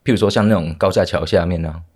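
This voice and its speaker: A man's voice: low voice, fast, a little mellow, slightly rough. A man with a Taiwanese Mandarin accent chatting on a podcast, laying out his idea step by step. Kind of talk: casual podcast discussion.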